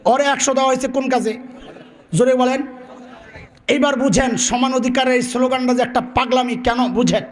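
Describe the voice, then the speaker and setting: A man preaches a sermon. He fires questions at the crowd and has them shout the answers back, and he acts out the people in his stories. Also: very high voice, fairly quick. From Bangladesh. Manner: animated call-and-response, quizzing the crowd; acts out characters in dialogue.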